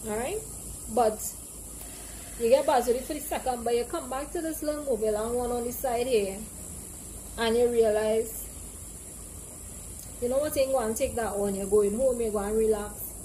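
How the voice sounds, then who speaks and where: A woman's voice: a little high, steady tone, normal speed, pauses often, mellow, poor audio. A young woman with a Trinidadian Caribbean accent gives a casual, playful explanation to camera, slipping into local dialect examples. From Trinidad and Tobago. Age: young adult. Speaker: language teacher and presenter. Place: outdoor open porch with trees behind. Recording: clear background noise, outdoor ambience.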